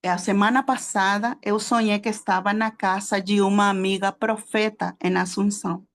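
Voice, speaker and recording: With a mid-range voice and steady tone, a woman who is a preacher and theology teacher delivers a sermon to a small group in a Spanish accent, being a native Spanish speaker. She often stops with fillers and checks that her listeners follow.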